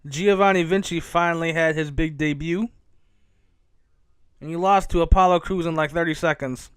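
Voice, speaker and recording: A man hosts a casual solo podcast, talking loosely with plenty of cursing and mid-sentence self-corrections. His voice sits a bit high for a man and comes across smooth and clear. The sound is dry and close. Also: steady tone, normal speed, fairly bright tone, dry recording. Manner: rambling, self-correcting and profane. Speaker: podcast host.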